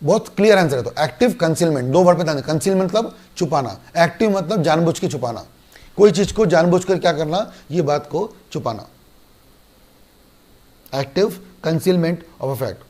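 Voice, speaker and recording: An Indian man lectures on law to an online class in an animated way. He keeps switching into little scenes, playing both himself and his students. His voice sits slightly higher than most men's. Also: brisk. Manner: animated, acts out student dialogues.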